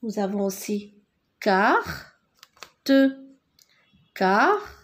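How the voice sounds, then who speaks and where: A woman teaching a French lesson, spelling out words syllable by syllable and repeating them slowly. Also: mid-range voice, very animated, fairly bright tone.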